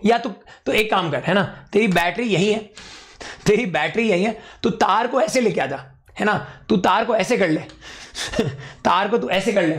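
A man with a hoarse voice teaching a physics lesson in a chatty, informal way, talking straight to the student. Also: high voice, roomy sound. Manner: chatty, informal, addresses the student directly and bluntly. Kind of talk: casual online physics lecture.

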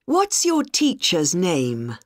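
A woman's voice: lowish voice, wildly swooping pitch, slow pace, no echo, studio quality, heavily acted. A woman acting a kindly adult questioning a child in careful, stilted textbook dialogue. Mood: interested.

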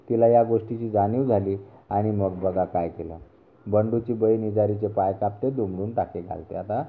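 A man's voice: fairly low pitch, dark tone. Patient man teaching a story lesson. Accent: Marathi. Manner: patient, asks the class rhetorical questions. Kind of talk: explaining a school story lesson. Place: classroom lesson recording.

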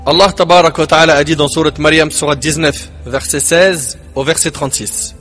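A man delivers a sermon in a noticeably high voice. His delivery is emphatic, with rising peaks and sudden soft drops. Quiet music plays underneath. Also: steady tone. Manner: emphatic, rising and falling delivery with dramatic pauses. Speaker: preacher.

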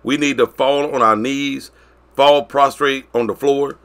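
A man preaches to his congregation in a bright, forceful tone. He pushes some lines out loud and lets others fall quiet and drawn out. His pitch sits in the middle range for a man. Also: fairly even intonation, smooth. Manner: preaching, swinging between loud declarations and quiet drawn-out phrases. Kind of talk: sermon.

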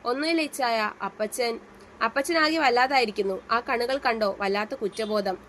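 A woman's voice: fairly high pitch, moderate pace, fairly bright tone, slight background noise, natural voice. A woman voicing a tearful young daughter grieving for her father in a read-aloud story. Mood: sorrowful. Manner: tearful, sorrowful.

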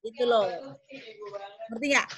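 Young female teacher, slightly raised pitch, patient, self-correcting, checks in often. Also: measured pace, a crowd in the background. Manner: thinks aloud with fillers and self-corrections. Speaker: English teacher. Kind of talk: online class explanation.

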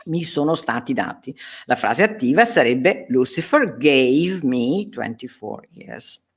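A woman teacher works through an English story line by line. She reads and explains at an unhurried pace, and her pitch rises and falls freely. Short pauses and restarts break up her explanations. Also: animated, breathy edge. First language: Italian. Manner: slow, explaining line by line, with hesitations. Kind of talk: reading and translating a story in a lesson.

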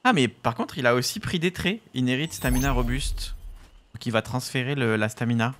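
A man's voice: medium pitch, a little fast, fairly bright tone, a little hiss or hum. A man giving casual, enthusiastic commentary while playing a survival game, chatting to his viewers and to his tame creature. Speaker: gaming YouTuber.

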